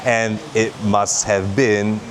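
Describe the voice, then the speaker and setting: A Singaporean man hosts a travel vlog from an outdoor night market, chatting upbeat to the camera in a noisy street recording with crowd noise. His voice is on the low side, with a level tone and a slow pace, as he mixes narration with chat.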